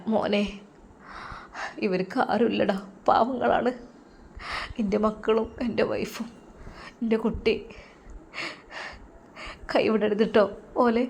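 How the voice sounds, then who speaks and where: Woman doing a frail old cleric, hushed and gentle, storybook drama. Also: a little high, fairly even intonation, takes it slowly, vocal fry, pauses often, a little hiss or hum. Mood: faint pleading. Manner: faint, quiet, pleading. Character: old bedridden male religious teacher, gentle.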